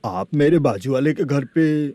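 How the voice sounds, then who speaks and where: An actor dubbing a timid, complaining husband who is meek and apologetic. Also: male voice, fairly high pitch, lively intonation, unhurried, dark tone, no room sound. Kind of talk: Hindi film dub.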